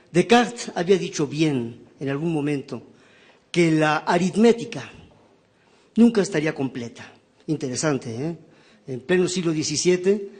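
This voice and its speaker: Man, somewhat high voice, professorial author talking through his book, keeps checking in with the crowd. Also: darkish tone. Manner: professorial, rhetorical questions and tag questions. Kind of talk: lecture-style book presentation.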